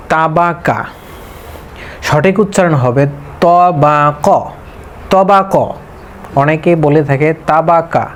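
A man with a Bangladeshi Bengali accent, his voice pitched a little high, teaches Quran pronunciation. He drills each letter slowly and patiently, repeating the same patterns again and again. A faint hiss runs under the recording. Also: a little mellow. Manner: slow, drilling letter by letter with repetition. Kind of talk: tajweed lesson.

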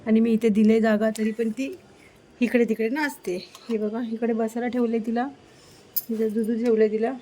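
A woman's voice: on the high side, level tone, moderate pace, warm tone, a little hiss or hum, low-quality recording. Coaxing woman talking to her cat. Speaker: vlogger caring for a pregnant cat. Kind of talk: casual late-night home vlog. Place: home, by a window at night.

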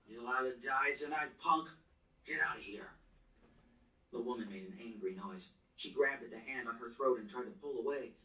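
Brief: male audiobook narrator, tense first-person telling, mid-pitched, miked from a distance in an echoey room. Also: a little mellow. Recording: roomy echo, distant mic, faint ambience.

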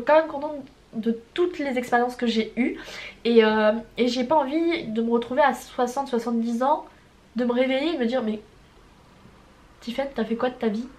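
A woman of twenty-four with a stuffy nose, chatting casually and rambling about her writing progress with slang and swearing. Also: fairly high pitch. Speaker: writer vlogging her progress. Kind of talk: casual chat.

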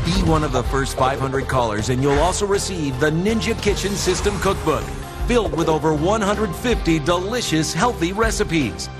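A man's voice: on the high side, lively intonation, moderate pace. A male infomercial announcer giving an emphatic, urgent hard sell ad voice-over. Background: music behind the voice.

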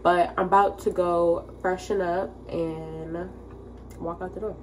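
A woman's voice: on the low side, level tone, measured pace. A young woman talks casually to her phone camera, loose and friendly, as if chatting with friends. She sounds a little stuffed up from sneezing, and a faint background noise sits under her voice. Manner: chatty, loose and friendly, talking straight to viewers. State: congested from sneezing. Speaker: vlogger. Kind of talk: casual vlog chat to camera.

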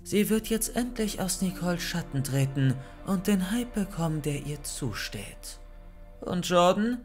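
A man's voice: sits high, lively intonation, measured pace, faint music behind. A man voicing a scheming young woman villain in an audiobook, cold and mocking. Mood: cold gloating. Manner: mocking, gloating.

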